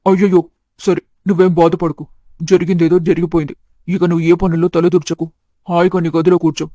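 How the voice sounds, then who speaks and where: A woman voicing a gentle young husband. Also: on the low side, a little fast, no room sound, voice pushed down, lightly acted. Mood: soothing. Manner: soothing, calm. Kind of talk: animated storybook voice acting.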